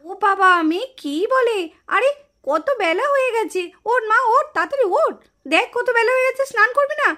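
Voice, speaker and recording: A woman voicing an impatient, bossy mother doll in a puppet cartoon, scolding loudly and insisting. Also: extremely high pitch, expressive, a little fast, heavily acted. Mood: coaxing.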